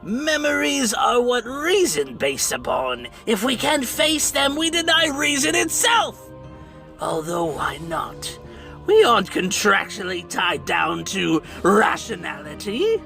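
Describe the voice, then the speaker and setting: A man playing a gleefully mad, bitter villain in a theatrical dramatic monologue, taunting with a gravelly, sharp-edged voice. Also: high-pitched, very animated, takes it slowly, heavily acted. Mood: grandly mad. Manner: theatrical, swooping from hushed menace to manic shrieks. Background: music.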